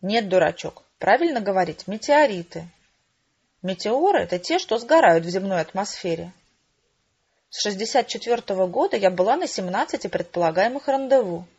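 A woman voicing a cheerful older widow who patiently teaches a newcomer, in a husky voice on a dull lo-fi recording. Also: mid-range voice, lively intonation, moderate pace, a little mellow. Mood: chatty. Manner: chatty, instructive.

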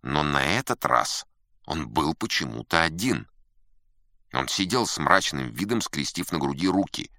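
A man reading a story aloud, calm and measured. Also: a bass voice, no echo, clean studio sound. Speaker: narrator. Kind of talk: audiobook narration.

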